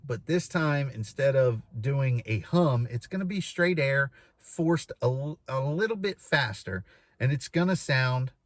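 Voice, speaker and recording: A man's voice: mid-range voice, no echo. Casting: male instructor, mid-range voice, casual step-by-step teaching with repeated phrases, recorded dry inside a vehicle. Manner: explanatory, repeats key phrases and demonstrates with short syllables. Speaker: goose calling instructor. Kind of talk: informal instructional demonstration.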